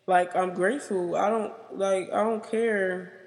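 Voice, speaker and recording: A young woman speaks haltingly about her life, her sentences stopping and restarting around a steady stream of "like." Her voice rings with a long reverb. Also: mid-range voice. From United States. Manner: halting and rambling, filled with "like". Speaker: interviewee. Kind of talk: personal interview.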